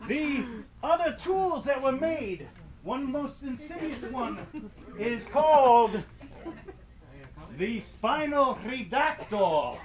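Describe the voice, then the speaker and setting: A man's voice: very high voice, expressive, slow pace, crowd noise, heavily acted. A man playing a macabre ghost tour storyteller, narrating comic horror in a theatrical, wordy, mock-grandiose way. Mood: loud, gleeful. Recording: distant mic, light background noise.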